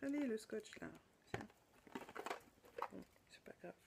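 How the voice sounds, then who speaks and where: A French woman hosting a knitting podcast, chatting casually as she unboxes gifts, full of delighted little exclamations and often dropping to a soft near-whisper. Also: on the high side, expressive, slow, creaky, poor audio. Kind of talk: casual unboxing chat to camera. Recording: noticeable background noise.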